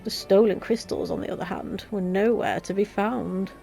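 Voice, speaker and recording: A woman's voice: medium pitch, normal speed, gravelly, mellow, soft background music, close to an everyday voice. A woman voicing a breezy, chatty male adventurer, reading fantasy game dialogue with jaunty theatrical flair. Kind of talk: video game dialogue read aloud.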